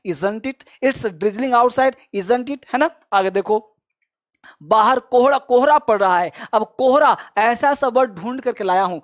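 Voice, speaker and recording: A man teaching a spoken English lesson, repeating example sentences slowly and adding encouraging, chatty asides to the learners. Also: high-pitched. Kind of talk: online language lesson.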